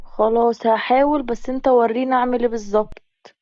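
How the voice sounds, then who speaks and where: A woman's voice: on the high side, fairly even intonation, a little fast, warm tone, dry recording, muffled recording, natural voice. A woman with an Egyptian accent voicing a frightened young village woman who frets with constant exclamations. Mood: fretful. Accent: Egyptian Arabic. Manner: fretful exclamations.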